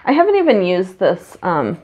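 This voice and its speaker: A woman with a cold and a stuffy nose chats casually at home as she paints acrylic pours, rambling along with lots of ums. Her voice is lowish and darkish, moving at a moderate pace with huge swings in pitch.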